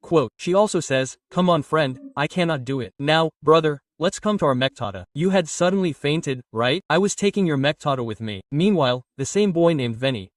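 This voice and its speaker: A man with a somewhat high voice narrates a comic story recap. He reads every character's line in his own steady narrating voice. The recording is dry, with the mic set a little away from him. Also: moderate pace, few pauses, no echo, distant mic.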